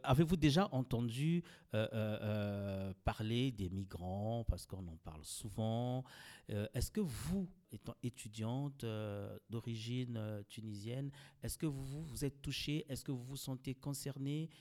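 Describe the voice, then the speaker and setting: A man hosting a community radio interview, putting questions to his guests. He asks with occasional fillers and pauses. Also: mid-range voice, darkish tone.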